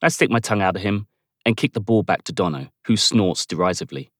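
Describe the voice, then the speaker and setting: A man's voice: fairly low pitch, expressive, fast, no room sound, studio quality. Cocky man narrating a novel. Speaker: audiobook narrator. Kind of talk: first-person novel narration with character voices.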